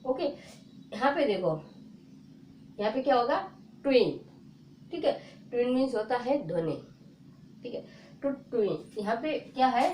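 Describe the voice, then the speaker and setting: A woman's voice: fairly high pitch, expressive, normal speed, long pauses, a little mellow. A woman teaching a phonics lesson to children, patient and repetitive, asking questions and answering them herself. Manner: patient, repeats words and asks questions. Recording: echoey room with faint noise.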